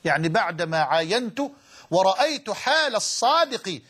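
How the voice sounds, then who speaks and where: A man's voice: sits high, very animated, normal speed, a bit bright, husky. An Egyptian man preaching a sermon, fervent and repeating phrases for emphasis.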